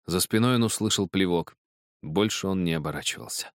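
A man reading a novel aloud as narrator, measured and expressive. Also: low voice, no room sound, clean studio sound. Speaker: audiobook narrator. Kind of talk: scripted narration.

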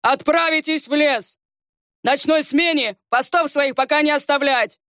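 A woman's voice: sits high, unhurried, bright, forceful tone, dry recording, clean studio sound, voice pushed up. A woman voicing a stern male guard captain who barks orders. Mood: commanding. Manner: barking orders.

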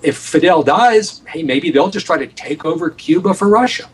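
A man's voice: fairly high pitch, expressive, normal speed, distant mic, slight background noise, low-quality recording. An American man telling a story as an interview guest, emphatic, often repeating and restarting his phrases. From United States. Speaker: guest author on a radio show.

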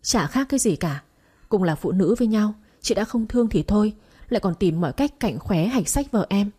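A woman's voice: mid-range voice, expressive, brisk, warm tone, slightly rough. A woman voicing a young husband who firmly defends his wife in a read-aloud story. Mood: exasperated. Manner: firm, exasperated pleading.

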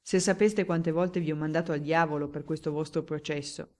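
A woman's voice: low voice, steady tone, brisk, a little mellow, close to an everyday voice. A woman voicing a terse, evasive young baron. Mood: guarded. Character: guarded young male baron, evasive and wry. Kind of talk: audiobook character reading.

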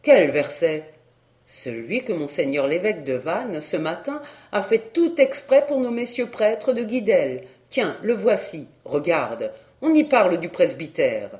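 A woman's voice: fairly low pitch, sing-song, a little slow, a little mellow. A woman voicing a mischievous young male prankster in a storybook reading, with a sly, teasing manner.

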